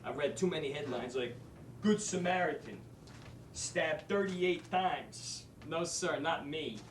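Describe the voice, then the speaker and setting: Guy playing a new wiseguy teacher, cocky streetwise stage monologue, distant mic, faint rumble. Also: takes it slowly, roomy sound. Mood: wisecracking. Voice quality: wisecracking, streetwise, animated. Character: brash male New York street-smarts teacher. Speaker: actor in a drama school showcase monologue. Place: theater stage.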